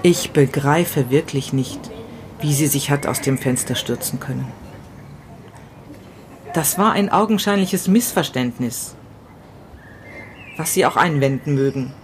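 A woman's voice: low-pitched, background noise. A woman reading a tormented grieving widower. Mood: grieving, desperate. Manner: halting, repeating words, swinging between whispers and outbursts. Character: grief-stricken man, widower pawnbroker, tormented and brooding. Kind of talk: literary reading of a first-person novella. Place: city balcony, outdoors.

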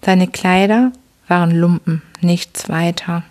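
Hushed woman reading a bedtime story. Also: fairly low pitch, fairly even intonation. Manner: soft, slow, hushed storytelling. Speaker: sleep podcast host.

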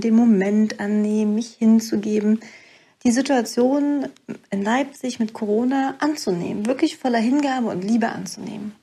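Husky, gravelly young woman telling her story. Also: medium pitch, warm tone. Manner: earnest, emotional, with many fillers and restarts. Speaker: mother sharing a personal story. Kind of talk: reflective personal monologue.

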